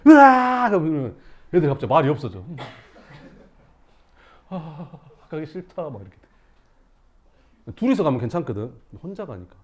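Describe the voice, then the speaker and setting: A young math teacher, male, narrates a story to his class in an animated voice that swoops around a middle pitch. He plays out the scenes with sudden shouts and sound effects.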